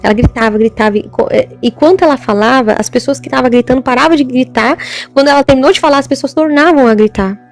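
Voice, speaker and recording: A woman gives a religious testimony in a halting, repetitive way and often asks "amém?". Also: high-pitched, soft background music. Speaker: church member giving testimony.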